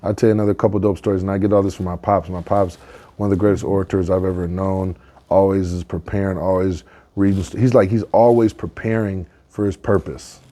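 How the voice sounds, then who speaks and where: A man, a guest entrepreneur, telling fables in a casual, animated way with slang and reflective asides. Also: low voice, fairly quick. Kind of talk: casual storytelling.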